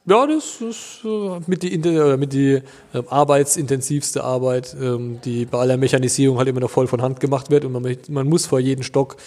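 A man in his thirties from Germany, a winemaker answering interview questions in a relaxed, hesitant way with many fillers. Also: mid-range voice, brisk, hardly any pauses, in a large hall. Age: 30s.

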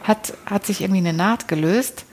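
A woman's voice: medium pitch, normal speed, darkish tone, slight background noise. A woman telling her personal story as an interview guest in a casual, chatty way, often restarting sentences and adding tag questions.

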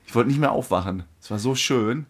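A man co-hosting a podcast, chatting casually and telling his stories with excitement. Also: medium pitch, fairly quick, slight background noise. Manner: excitable storytelling, laughs often. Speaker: podcast co-host. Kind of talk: casual chat.

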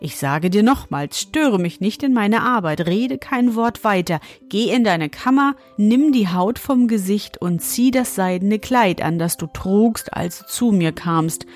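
A woman's voice: mid-range voice, lively intonation, unhurried, hardly any pauses, faint music behind, close to an everyday voice. A woman reading a stern old woman. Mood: firm. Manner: firm, commanding. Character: mysterious old woman, stern yet kindly.

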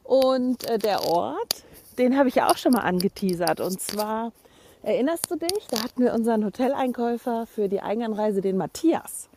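A woman's voice: a little high, animated, normal speed, a little mellow. A woman co-hosting a casual podcast chat while out on a walk, her mic crackling and distorting as she moves and laughing now and then. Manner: talking while out walking, laughs often. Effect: crackling, distorted mic from walking. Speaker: podcast co-host. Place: outdoors by a small lake. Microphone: mobile mic carried while walking.

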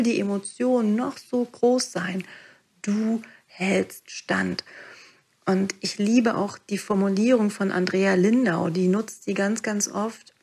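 A woman and meditation teacher talking calmly through a podcast monologue, guiding the listener and dropping to soft whispers on key phrases. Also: mid-range voice, breathy edge.

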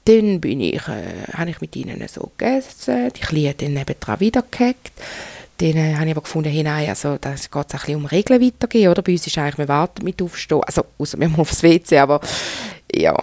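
A woman's voice: sits low, sing-song, fast talker, creaky, warm tone, no echo. A woman in her thirties with a Swiss German accent, hosting a frank, chatty solo podcast and talking straight to her listeners. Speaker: podcast host. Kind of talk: candid solo podcast monologue.

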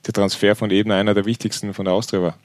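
A man's voice: fairly low pitch, little pitch movement, rapid-fire, dry recording. A man from Vienna, earnestly making his points as a podcast co-host. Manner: earnest, emphatic. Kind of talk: casual sports podcast chat.

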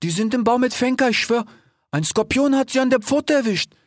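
A man's voice: very high voice, lively intonation, brisk, dry recording, studio quality, voice pushed up. A man doing a bouncy young desert fox. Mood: eager. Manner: eager, boyish.

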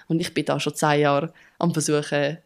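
A young Swiss German-accented woman, a drummer, is a guest in a casual conversational interview. Her voice is low and fairly flat in pitch, her pace moderate, and she laughs often and restarts her sentences.

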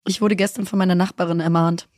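Animated slangy woman storyteller. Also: lowish voice, quick pace, no echo, clean studio sound. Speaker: podcast co-host. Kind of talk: casual chat.

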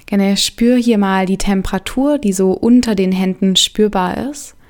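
A woman guides a meditation softly and soothingly at a medium pitch. She leaves gentle pauses between her phrases.

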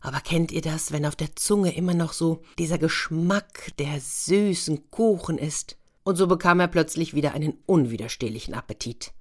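A woman storyteller with a low-pitched voice reads a children's tale aloud. She is lively and speaks directly to her young listeners. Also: normal speed.

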